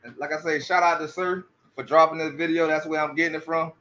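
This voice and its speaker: A man's voice: fairly high pitch, fairly even intonation, fast, pushed and bright, muffled recording. A man giving casual commentary, often restarting his sentences and repeating rhetorical questions to his audience. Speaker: commentary streamer.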